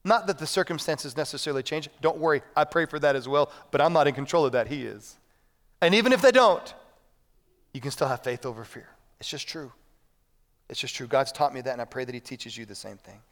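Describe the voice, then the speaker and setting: A man, a pastor preaching a sermon, moving between hushed moments and loud appeals. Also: mid-range voice, steady tone, fast talker. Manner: preaching with big swings between quiet and loud. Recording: long reverb of a hall.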